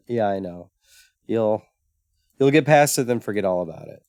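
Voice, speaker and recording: This man co-hosts a retro gaming podcast, easygoing in his casual chat but prone to fumbling words. His lowish voice is expressive and slightly mellow, with a measured pace. It's studio quality with no echo.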